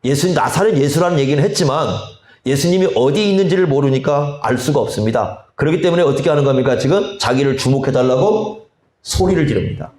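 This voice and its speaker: A male pastor preaching a sermon, slow and deliberate, often asking the congregation rhetorical questions. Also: a little high, lively intonation, darkish tone. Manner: slow, deliberate delivery with drawn-out phrases. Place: church sanctuary. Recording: echoey church hall.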